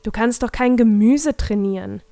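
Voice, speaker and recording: A woman's voice: a little high, moderate pace, creaky, mellow, dry recording. A woman reading a curious young boy who asks blunt, puzzled questions, in a dry, close recording.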